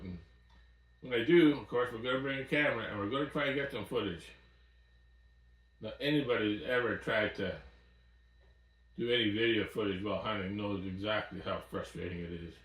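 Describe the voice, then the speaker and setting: A man's voice: on the low side, fairly bright tone, far from the mic. Folksy man in his sixties, roomy cabin. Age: 60s. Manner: folksy, easygoing storyteller. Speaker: outdoors vlogger. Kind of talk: casual chat to camera. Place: small cabin by a wood stove, indoors. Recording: roomy sound from off-mic.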